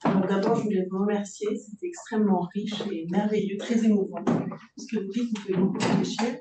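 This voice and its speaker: An audience member thanks the speaker warmly and asks a measured question, with some fillers. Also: mid-range voice, steady tone. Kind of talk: question from the floor. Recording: distant, echoey, noisy room.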